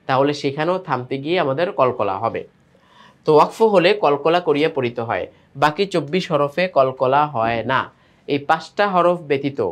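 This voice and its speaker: Male Quran teacher, Bangladeshi Bengali accent, somewhat high voice, patient letter-by-letter spelling and drilling. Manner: spells out letters and vowel marks, then reads words aloud slowly. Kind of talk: step-by-step recitation lesson.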